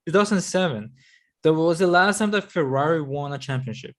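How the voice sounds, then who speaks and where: A man's voice: on the high side, fast, fairly bright tone. A man co-hosting a casual podcast chat, easygoing and agreeable, often restarting his sentences. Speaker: podcast co-host.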